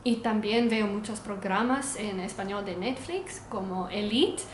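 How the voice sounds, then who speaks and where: A young woman, a native English speaker with an English accent in Spanish, chatting casually for a vlog and haltingly searching for words. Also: medium pitch. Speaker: language-learning vlogger. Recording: echoey room, faint background noise.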